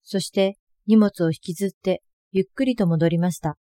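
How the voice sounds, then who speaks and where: An older woman reading her own first-person account aloud, in a steady, earnest storytelling manner. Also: mid-range voice, normal speed, no echo. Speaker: narrator of a personal testimony.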